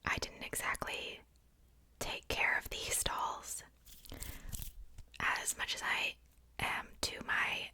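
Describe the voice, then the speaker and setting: A young adult woman hosts an ASMR video, whispering casually through a rambling, informal show-and-tell full of self-joking asides. Her voice is bright and forceful, and she speaks slowly with long pauses.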